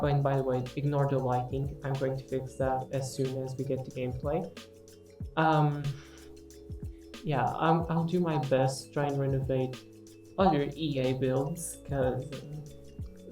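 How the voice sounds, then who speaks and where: A low-voiced woman, not a native English speaker, talks casually over a gaming video with guitar music behind her. She is hesitant and self-deprecating, and her delivery stays quite flat. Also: unhurried. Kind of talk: casual unscripted voice-over commentary.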